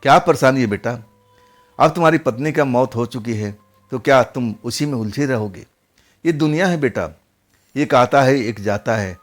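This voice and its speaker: A man voicing a worried old parent who gently lectures a grown son in a spoken horror story. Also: mid-range voice, normal speed, soft background music, close to an everyday voice. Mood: concerned.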